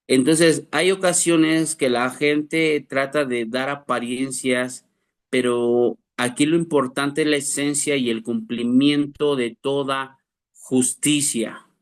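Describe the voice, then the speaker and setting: A man preaches to his class at a middle, ordinary pitch. He talks earnestly, pressing his listeners with rhetorical questions. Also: fairly even intonation, takes it slowly. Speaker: pastor teaching a class. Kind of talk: sermon.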